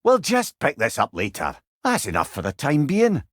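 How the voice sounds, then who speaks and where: Mimir, a wry old Scottish storyteller. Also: male voice, fairly high pitch, wildly swooping pitch, moderate pace, dry recording, clean studio sound. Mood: storytelling. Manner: wry, avuncular, articulate storytelling. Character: wise, witty old talking head, storyteller companion. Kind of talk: scripted video game voice lines.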